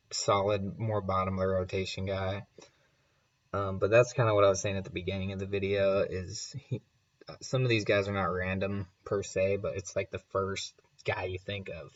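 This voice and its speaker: A man hosting his channel in a casual chat, rambling and chuckling as he reads viewer comments, heard through low-sample-rate audio from a remote setup. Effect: low sample rate, muffled low-quality audio. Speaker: channel host.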